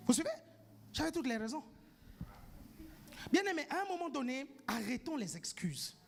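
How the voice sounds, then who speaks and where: A man preaching a sermon emphatically, forever checking that the congregation follows him and bursting into shouts to drive points home. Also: very high voice, very animated, normal speed, vocal fry, a little hiss or hum. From grew up outside France. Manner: emphatic, keeps asking the congregation "do you follow?".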